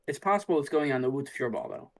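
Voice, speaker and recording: Guy calling a card game match, mid-pitched voice, laid-back and thinking out loud. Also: expressive, rapid-fire. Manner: thinks aloud, musing and easygoing. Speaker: tournament commentator. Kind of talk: casual play-by-play commentary.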